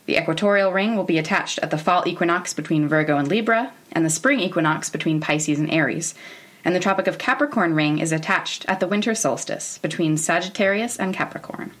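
A woman's voice: fairly low pitch, a little fast, a bit bright. An American woman in her thirties, from Oregon, narrating an educational show in an informal, wry, candid way. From Oregon, United States. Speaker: podcast host. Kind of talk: semi-scripted educational narration about space history.

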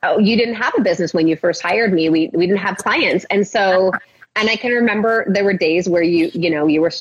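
A woman life coach, appearing as a guest on a casual podcast, talks encouragingly and motivationally in long flowing runs. Her medium-pitched voice is brisk and slightly rough, and the audio is muffled and lo-fi.

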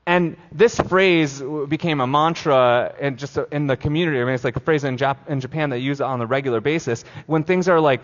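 A man's voice: medium pitch, brisk, few pauses. Male pastor, casual filler-heavy sermon delivery, lo-fi recording with long church reverb. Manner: casual, filler-heavy preaching with frequent "like" and restarts. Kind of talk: conversational sermon. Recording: dull lo-fi sound with long hall reverb.

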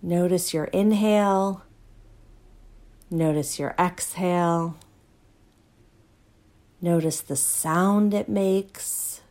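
Female meditation guide, lowish voice, very slow calm delivery. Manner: slow, soothing, unhurried guidance. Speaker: mindfulness teacher.

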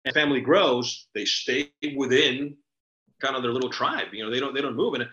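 A middle-aged man from El Salvador hosts a casual talk, bright and forceful in tone. He tells stories earnestly and at length. The recording is roomy and a bit dull and lo-fi. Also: mid-range voice, brisk. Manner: earnest, expansive storytelling. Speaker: podcast host. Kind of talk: casual conversation.

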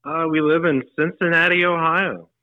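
A man in his forties with a deadpan, hesitant way of talking, answering questions in a casual family interview at home. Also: a little high, normal speed, phone-quality sound. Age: 40s. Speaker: interviewee, uncle.

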